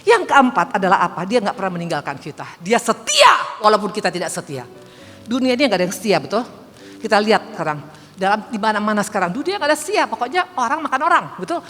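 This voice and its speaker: A woman in her fifties preaching an animated sermon with testimony, often asking the congregation to agree, swinging from quiet storytelling to loud exclamations. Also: mid-range voice, fast, faint music behind. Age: 50s. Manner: asks the congregation "betul?" often. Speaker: evangelist preacher. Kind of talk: Pentecostal-style sermon with testimony. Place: church hall. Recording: reverberant church hall.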